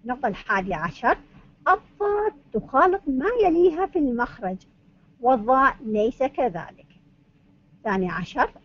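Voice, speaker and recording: A woman university lecturer, with a somewhat high voice, works through her points in order and poses questions that she answers herself. The recording is dull and lo-fi. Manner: methodical, asks and answers her own questions. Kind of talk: academic lecture on Arabic phonetics.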